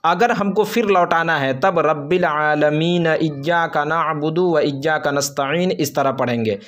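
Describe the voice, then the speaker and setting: A man with an Indian Urdu-Hindi accent teaching Quran reading, explaining step by step, repeating each example and reciting the Arabic slowly. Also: fairly high pitch, fairly bright tone. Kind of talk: slow, patient tajweed lesson.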